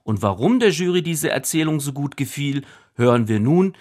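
A man's voice: on the high side, animated, normal speed, darkish tone. A man presenting on a broadcast, formally introducing the next segment. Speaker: radio presenter. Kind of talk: broadcast announcement.

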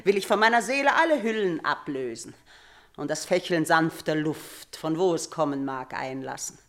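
An actress playing an aging queen and mother haunted by nightmares, in theatrical 1950s radio drama style, swinging from loud cries to hushed near-whispers. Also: low voice, animated, normal speed. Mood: weary.

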